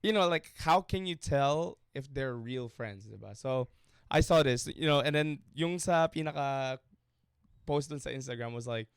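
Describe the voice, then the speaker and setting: Filipino-accented young man, relaxed co-host banter, smooth voice, dry close sound. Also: mid-range voice, normal speed, dry recording. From Philippines. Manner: easygoing, full of fillers. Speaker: podcast co-host. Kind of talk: casual chat with friends, code-switching.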